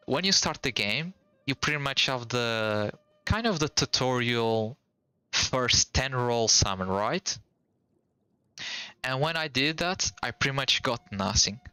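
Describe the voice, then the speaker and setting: Streaming a game, a young native Portuguese speaker with a matching accent talks casually to his audience, slangy and rambling, frequently starting over. His mid-range voice is expressive, slow and full of pauses, pushed and bright but smooth, in a dry recording with faint music underneath.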